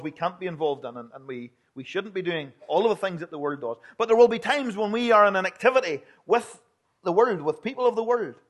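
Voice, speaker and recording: In a strikingly high voice, a man with a Northern Irish accent preaches a sermon. His manner is plain and earnest, with occasional rhetorical questions.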